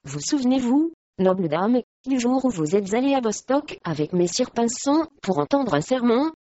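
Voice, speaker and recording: A woman's voice: fairly high pitch, sing-song, moderate pace, mellow, no echo. A woman reading aloud voices a loyal, upset young servant woman in an earnest tone, in a dull lo-fi recording.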